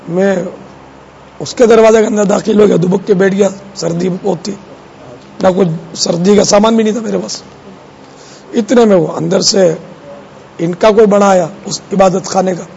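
A man's voice: high-pitched, creaky, warm tone, dull audio, slight background noise. A man preaching in a conversational storytelling style, addressing his audience. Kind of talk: sermon storytelling.

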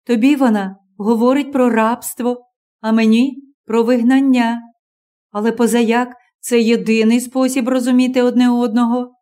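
A woman reading the part of a gentle, patient young woman in an audiobook, calm and coaxing. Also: fairly high pitch, normal speed, lightly acted.

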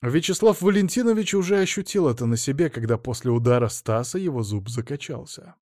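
A man reading a novel aloud as an audiobook narrator, measured and expressive. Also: medium pitch, no room sound, clean studio sound. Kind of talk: scripted narration.

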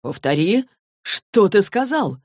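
A woman's voice: mid-range voice, big pitch swings, slow pace, darkish tone, no echo, studio quality, voice pushed up. A woman reading an audiobook voices a furious, cruel older male warrior who speaks to a wounded foe with menace and contempt. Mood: outraged.

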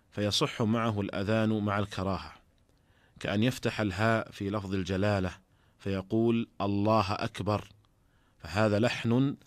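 A man, an Islamic scholar, teaching jurisprudence in a formal radio lesson, reading in a measured, deliberate way from a studio microphone. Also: lowish voice, a little mellow, dry recording.

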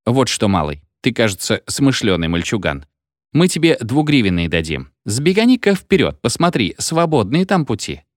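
A flustered, officious chief conductor, voiced by a male reader, pleading and insisting in a lively, rising voice. The recording is dry and close. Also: medium pitch, normal speed, no room sound, close to an everyday voice. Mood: urgent. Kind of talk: audiobook character voice.

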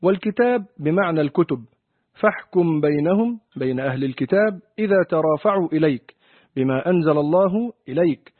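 A man reading a classical commentary aloud in a steady, formal way, glossing word by word. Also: fairly high pitch, brisk, dry recording. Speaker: reader of the commentary text. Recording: dry tinny phone-like recording.

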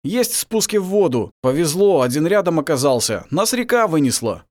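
A man voicing a grave, steadfast male werewolf warrior who speaks firmly and loudly. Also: fairly high pitch, sing-song, moderate pace, no room sound, studio quality, pitched above the performer's own voice. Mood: matter-of-fact. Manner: firm, raised voice.

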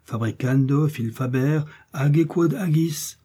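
A man's voice: medium pitch, normal speed, dark tone, slightly rough, close to an everyday voice. A man reading aloud and voicing a pompous, fussy village apothecary in an indignant rant. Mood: reproachful. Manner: indignant ranting tirade, exclamatory.

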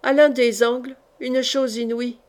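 A woman with a fairly high voice reads a historical novel aloud. Her telling is measured and dramatic, and she gives the characters' exchanges their own lively turns. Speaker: audiobook reader.

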